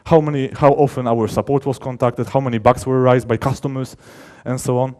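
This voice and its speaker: Slightly quick in delivery, a male software developer presents at a conference with a relaxed, mellow timbre at typical male pitch. He walks through technical content informally, pressing on key words, and often cuts sentences off to rephrase and restart.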